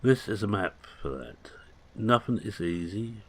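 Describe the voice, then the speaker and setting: Older bloke, deep and gravelly, chatty rambling game commentary with little jokes. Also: male voice, expressive, unhurried. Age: 60s. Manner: chatty, rambling, jokey asides. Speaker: gaming channel host. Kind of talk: casual gameplay commentary.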